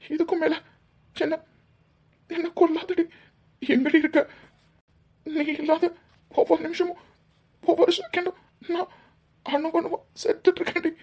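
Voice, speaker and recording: A woman's voice: very high voice, level tone, unhurried, pauses often, darkish tone. A woman voicing a desperate young husband who is crying and pleading for his lost wife.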